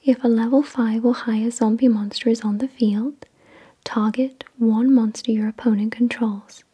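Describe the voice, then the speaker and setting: In a whispered ASMR card reading, the female host keeps her breathy, unvoiced delivery fairly even in intonation. Her soft, dark-toned voice sits fairly high, and she moves through the text slowly and deliberately to soothe.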